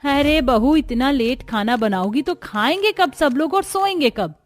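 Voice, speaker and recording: A woman's voice: high-pitched, lively intonation, measured pace, dry recording. A woman voicing a strict middle-aged mother-in-law who scolds and gives orders. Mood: scolding. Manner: scolding, commanding.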